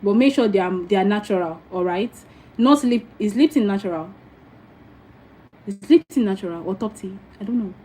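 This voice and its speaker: A woman's voice: medium pitch, expressive, moderate pace, warm tone, rough recording. A Nigerian woman giving frank, preachy spiritual advice in a casual livestream, with many asides to her viewers. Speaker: spiritual teacher.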